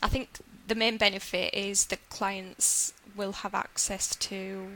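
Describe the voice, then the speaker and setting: A woman's voice: mid-range voice, level tone, slow, bright, forceful tone, slight background noise, rough recording. A woman with a Yorkshire accent, a podcast guest who explains her job in a friendly, matter-of-fact way. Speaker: guest, business development manager at a lender. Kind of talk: podcast interview answers.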